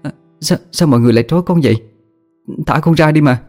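A man's voice: fairly high pitch, quick pace, a little mellow, faint music behind, voice pushed up, close to an everyday voice. A man voicing a frightened young female servant who begs and stammers in a storytelling reading. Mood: pleading desperate. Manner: tearful begging, stammering.

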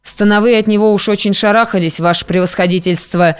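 A haughty prince from an old classic, polite on the surface and coldly ironic underneath, as an audiobook reader puts him on. He speaks slowly and deliberately, every courtesy carrying a threat. The voice is smooth and clear, in a mid register. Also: medium pitch, fairly even intonation, lightly acted. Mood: dry mockery. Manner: unhurried, drily ironic, polite with hidden menace. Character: cool, mocking Russian prince, a middle-aged nobleman landowner. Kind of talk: audiobook character reading.

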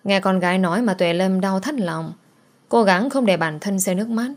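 Woman reading a sad story aloud, soft and emotional, middle pitch. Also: a little fast. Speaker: narrator.

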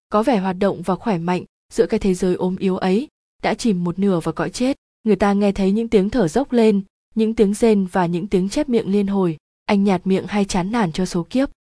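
A woman's voice: mid-range voice, dark tone, dry recording, studio quality. A woman reading a literary story aloud as narrator, dramatic and emotive.

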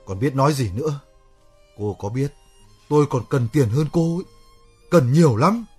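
An actor playing a bitter, hot-headed young man who complains loudly in a radio drama. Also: medium pitch, lively intonation, normal speed, breathy edge, faint music behind.

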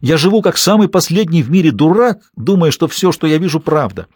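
A man voicing a furious, betrayed middle-aged husband who shouts bitter accusations. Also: fairly high pitch, sing-song, normal speed, dry recording, studio quality, voice pushed up.

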